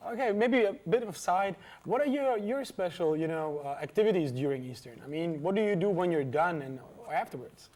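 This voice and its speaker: A man's voice: sits high, lively intonation, brisk, hardly any pauses, a little mellow. A man hosting a student TV magazine, chatty, interviewing a guest and introducing items, with stumbling restarts. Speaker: host and interviewer.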